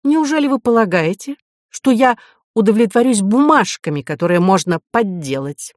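A woman playing a shrill, peevish old professor. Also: expressive, moderate pace, darkish tone, no echo, clean studio sound, lightly acted. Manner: shrill and peevish, whiny like an offended child. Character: petty, suspicious, fussy old male professor.

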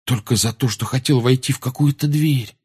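A man's voice: medium pitch, moderate pace, a little mellow, breathy edge, pitched above the performer's own voice. A man reading aloud and voicing a tense, earnest teenage schoolboy wizard.

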